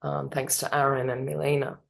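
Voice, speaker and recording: A middle-aged woman sharing a personal story at an online memorial ceremony, animated and acting out what people said. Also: rumbling low, brisk, vocal fry. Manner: animated, acts out quoted voices. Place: online video call.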